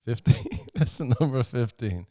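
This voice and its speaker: A man's voice: mid-range voice, lively intonation, normal speed, warm tone. A man hosting a comedy podcast in casual chat. He swears freely, laughs often and reads tweets aloud. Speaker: podcast host.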